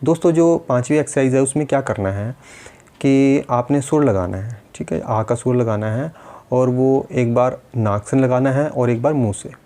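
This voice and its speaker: A man's voice: medium pitch, normal speed, dark tone. A man teaching a speech-therapy lesson, patiently demonstrating and repeating sounds step by step.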